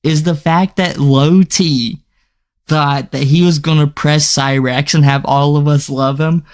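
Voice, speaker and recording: A man's voice: fairly high pitch, fairly even intonation, a little slow. A young man talking through a reaction video in a loose, conversational way. He restarts his sentences often and speaks straight to his viewers. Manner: casual, stammering restarts, addresses viewers as guys. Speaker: commentary YouTuber. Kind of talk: reaction commentary.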